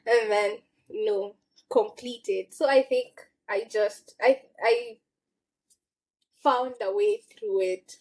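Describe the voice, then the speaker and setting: A woman's voice: on the high side, steady tone, slow pace, darkish tone, poor audio. A young woman with a Kenyan accent chatting casually, full of fillers and frequent laughter. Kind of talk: casual chat.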